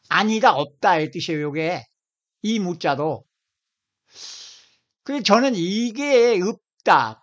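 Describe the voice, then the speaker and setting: Animated man lecturing, dull lo-fi sound. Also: high-pitched. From Seoul, South Korea. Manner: emphatic, repeats and drags out single words. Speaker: lecturer on language origins. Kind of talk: informal video lecture. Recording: dull lo-fi audio.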